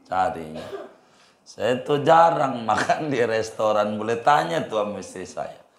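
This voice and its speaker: Man, Betawi accent, preacher, humorous sermon, unhurried delivery, roomy hall sound. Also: fairly low pitch, creaky. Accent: Betawi Jakarta colloquial. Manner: lively, acts out villagers' voices, laughs often. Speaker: Islamic preacher.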